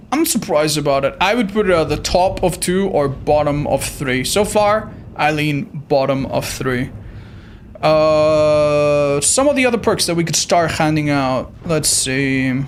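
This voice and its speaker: Casual game streamer, faint noise behind. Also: medium pitch. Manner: informal, sweary, addresses viewers as man and dude. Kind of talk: casual live gameplay commentary.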